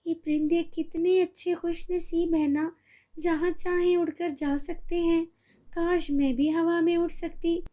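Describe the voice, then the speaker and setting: Storybook cartoon girl, small and easily frightened, shrill and high-pitched, mellow tone, as a woman puts her on. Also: unhurried. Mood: delighted. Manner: high, excited, crying out.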